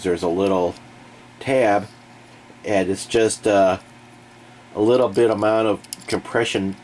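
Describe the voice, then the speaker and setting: Low, a touch mellow, and captured roughly with some hiss or hum, the voice belongs to a DIY reviewer working on a generator in his garage. He has a cold and blocked nose, and his casual product review rambles along in a folksy, aggravated way via an off-screen camera mic.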